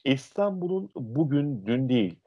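Man, diction instructor, animated pitch, explanatory, interview answers. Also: moderate pace, breathy edge, highs cut off. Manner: lively, illustrative, imitates dialect speech.

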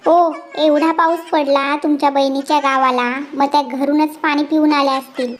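A performer voicing a cheeky, sarcastic village housewife in a cartoon, with a high pitch-shifted voice. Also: female voice, level tone, moderate pace, a little hiss or hum. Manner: mocking, sarcastic retorts.

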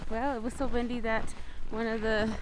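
Young woman, slightly high voice, casual chat, vlog companion, noisy outdoor camera audio. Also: flat delivery, normal speed. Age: young adult. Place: outdoors on a snowy forest trail. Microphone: handheld camera a step away.

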